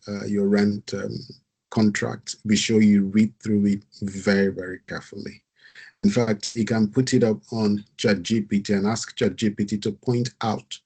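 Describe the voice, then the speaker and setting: A man's voice: fairly low pitch, darkish tone, slightly rough. A man pastor giving earnest advice in an online talk over a video call, often repeating his words. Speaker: pastor and facilitator.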